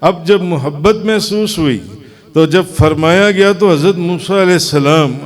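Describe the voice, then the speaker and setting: Male Sufi preacher, Pakistani Urdu accent, slightly high pitch, dramatic storytelling sermon with chanted repetitions.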